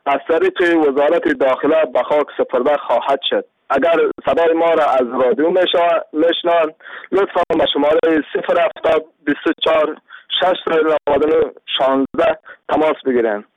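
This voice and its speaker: A man from Afghanistan reading a formal announcement over a radio phone line, haltingly and repeating his phrases. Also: fairly high pitch, no echo. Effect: heard over a radio phone-in line. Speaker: caller to a radio missing-persons program. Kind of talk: reading out a missing-person announcement.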